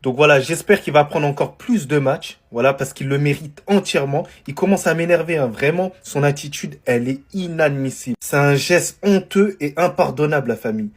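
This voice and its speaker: A man's voice: fairly high pitch, a little fast, few pauses. A man in an indignant, scornful rant, piling up insults. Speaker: football commentator.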